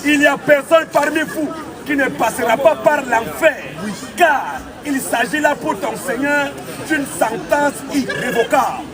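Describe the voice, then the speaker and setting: A man with a very high voice speaks without hurry, preaching during a heated street argument. He is insistent and combative, repeating his phrases and challenges. The mic sits far off amid a loud outdoor crowd.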